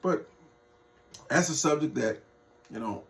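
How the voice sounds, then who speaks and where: A man's voice: on the high side, a little slow, creaky. A man delivering an off-the-cuff political rant to his viewers, heated, mocking and profane, addressing them as folks. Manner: talks straight to viewers as folks. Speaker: political vlogger.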